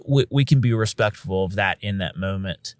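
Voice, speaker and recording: There's no echo on this podcast clip, where a deep-voiced man who works as a paramedic and instructor talks at a moderate pace. He's frank and conversational, swears occasionally, and acts out quotes of what he tells patients.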